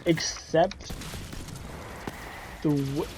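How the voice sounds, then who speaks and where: A man's voice: a little high, extremely slow, a little mellow. A man commenting casually on a video game story, rambling and frustrated, often sighing. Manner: frustrated, rambling, frequent sighs. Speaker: gaming video host.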